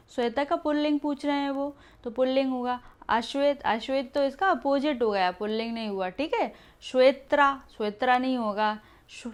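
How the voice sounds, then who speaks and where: Female teacher, slightly high voice, explains patiently, repeats key answers. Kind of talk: exam-prep Hindi grammar lesson.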